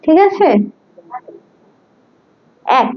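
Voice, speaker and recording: A woman teaching religious scripture, dictating slowly and carefully, often repeating herself and checking that her students keep up. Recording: dull lo-fi sound.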